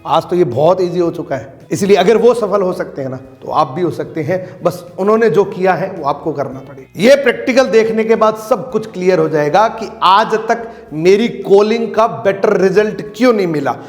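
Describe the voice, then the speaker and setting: High-voiced Hindi trainer in a reverberant hall. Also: male voice, animated, normal speed, few pauses, soft background music. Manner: emphatic, repeats key phrases, acts out example lines. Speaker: network marketing trainer. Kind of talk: motivational training talk.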